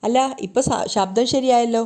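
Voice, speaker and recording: A woman's voice: on the high side, normal speed, dark tone, lightly acted. A woman reading the lines of an inquisitive middle-aged temple priest in a TV serial recap. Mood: curious. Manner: plain, inquisitive.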